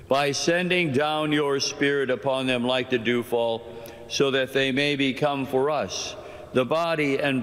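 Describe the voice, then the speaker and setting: A man's mid-pitched voice rings out with long reverb in a vast cathedral. He is a priest reciting the prayers of the Mass. His phrasing is formal, solemn and measured, each short clause set apart in the echo. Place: large cathedral.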